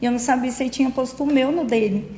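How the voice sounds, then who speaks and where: A woman's voice: high voice, racing, a little mellow, slight background noise. A middle-aged woman, being interviewed and telling her story with emotion while acting out the dialogue. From Minas Gerais, Brazil. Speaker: interviewee, beautician. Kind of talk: personal account in an interview. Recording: reverberant room, faint background ambience.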